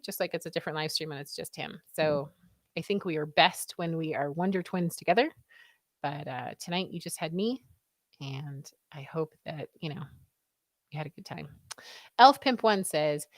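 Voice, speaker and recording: Her voice is lowish and scratchy as she hosts a live stream, casually chatting, wandering from topic to topic, and reading viewer comments out loud. The recording is dry and studio-clean.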